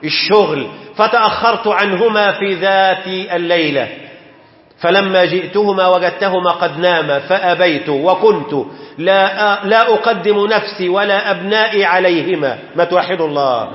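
Male Egyptian preacher, high voice, emphatic storytelling sermon, roomy dull hall recording. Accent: Egyptian Arabic. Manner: emphatic, slows and rises on key phrases. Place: mosque. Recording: echoey mosque hall, dull lo-fi sound.

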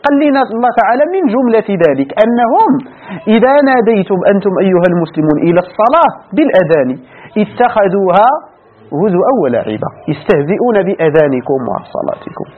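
Moroccan guy teaching quran commentary, pitch all over the place, sounds tinny like a phone recording. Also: sing-song, fast talker. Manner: explains verse by verse, asks the class rhetorical questions. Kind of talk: classroom Quran commentary lesson.

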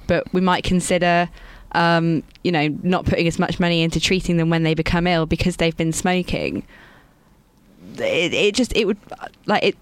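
A woman with a smooth, resonant voice and a mid-range pitch who makes her case earnestly and backs it with figures. The studio sound is dry and close. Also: no echo. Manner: earnest, reads out statistics. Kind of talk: casual studio debate.

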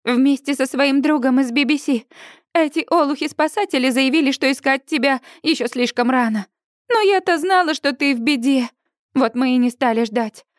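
A woman reading an audiobook, voicing an emotional young woman friend who calls out in a shrill, breathless voice. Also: moderate pace, no echo, clean studio sound, natural voice. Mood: tearful, relieved.

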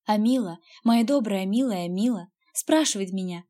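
A woman's voice: mid-range voice, normal speed, warm tone. A woman narrating a first-person audiobook in a tense, fearful storytelling manner.

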